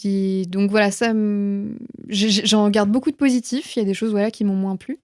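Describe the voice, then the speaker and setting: A young Frenchwoman who works as a film production manager chats informally in an interview, sharing personal anecdotes and reflecting on her life while reworking her phrasing as she goes. Her mid-range voice is mellow and soft-edged, steady in tone and moderate in pace. The recording is very dry and close.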